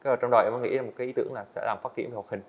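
The recording is muffled lo-fi podcast audio, dull in tone, from an indoor studio set. On it, an eighteen-year-old guest animator speaks fast with a medium pitch and steady tone, telling his story in an interview earnestly, candidly, with hesitant restarts.

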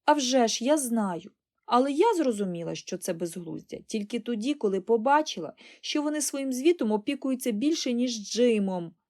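A woman voicing an excitable, cheerful little girl who gushes and exclaims in breathless enthusiasm, in an audiobook. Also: fairly high pitch, moderate pace, voice pushed up, lightly acted. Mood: excited.

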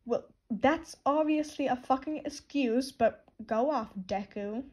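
A woman's voice: high-pitched, a little slow, a little mellow. A woman reading the chat lines of a crude, hot-tempered teenage boy who swears a lot and snarls insults. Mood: snarling.

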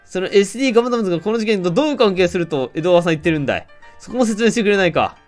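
A man's voice: sits high, animated, racing, faint music behind. A man doing a blustering older police chief. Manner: blustering, exclamatory.

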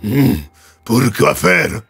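A man voicing a gravelly stern clan chief. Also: medium pitch, animated, very slow, a bit bright, exaggerated voice. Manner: grave, clipped, solemn. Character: stern male clan chief, solemn and menacing. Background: faint music.

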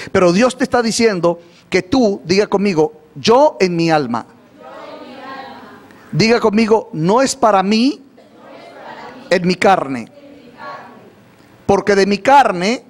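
High-voiced Spanish-speaking preacher, call-and-response. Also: male voice. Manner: asks the congregation for call-and-response, repeats questions. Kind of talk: sermon. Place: church or studio, livestreamed.

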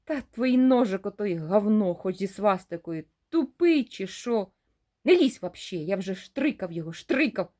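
A woman's voice: mid-range voice, animated, normal speed, mellow, lightly acted. A woman voicing a brash young village man who swears and talks in coarse, slangy dialect. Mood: gruff.

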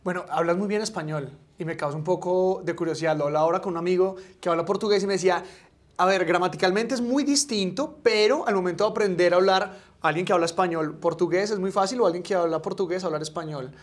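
A man's voice: high-pitched, fast talker. A man, a radio host who interviews a guest with long, rambling questions full of asides.

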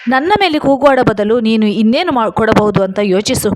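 A woman's voice: a little high, a little fast, close to an everyday voice. A woman reading as a sneering angry young man. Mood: angry, scornful. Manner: sneering, mocking.

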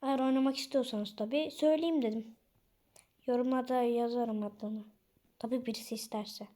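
A young woman chatting casually as she plays through an online obstacle game, talking to her viewers with excitable outbursts. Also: on the high side, normal speed. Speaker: gaming channel host.

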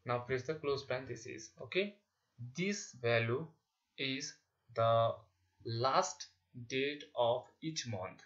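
A man giving a step-by-step software tutorial, dictating instructions in short, halting phrases. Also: medium pitch. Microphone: voice-over on a screen recording. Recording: dull, lo-fi sound with clicking.

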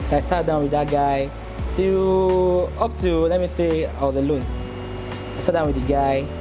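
A man in his thirties from Nigeria, an interview guest telling a story in a casual, animated way, seated in a small indoor room. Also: a little high, moderate pace, over music. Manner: animated, gestures while talking.

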